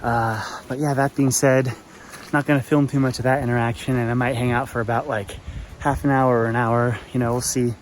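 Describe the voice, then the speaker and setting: A man vlogging outdoors on a mountain hike, talking in a relaxed, rambling way with lots of fillers. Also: medium pitch, brisk, a little hiss or hum. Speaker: hiking vlogger. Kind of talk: casual trail narration.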